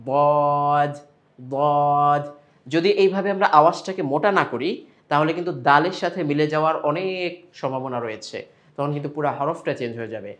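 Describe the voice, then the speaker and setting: A man's voice: a little high, quick pace, a bit bright. A man with a Bangladeshi Bengali accent teaching Quran pronunciation step by step, stretching out sample sounds between explanations.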